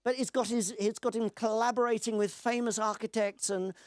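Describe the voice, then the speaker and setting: A man giving a conference lecture, reading passages aloud and breaking off with dry asides and quick self-corrections. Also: high voice, steady tone, smooth, no room sound. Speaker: conference speaker. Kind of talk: lecture talk reading chat output aloud.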